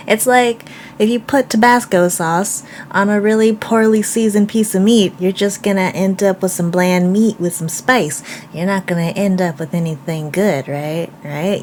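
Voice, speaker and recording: A woman streamer with a slightly low voice reacts casually to a video. She banters and exclaims playfully, with faint noise behind her.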